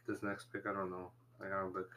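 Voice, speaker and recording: Young man, bright forceful voice, slightly low, slangy casual banter, faint noise. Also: completely flat delivery, quick pace. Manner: slangy, informal, says "bro". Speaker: podcast co-host. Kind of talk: casual banter, football player draft.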